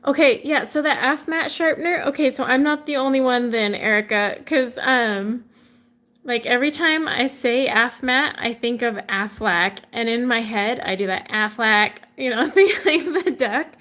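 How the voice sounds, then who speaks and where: Brief: woman, thirties, relaxed chatty stream host, voice a touch high. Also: moderate pace. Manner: chatty, reads out and answers viewer comments with light laughs. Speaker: livestream host coloring with viewers. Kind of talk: casual chat while coloring.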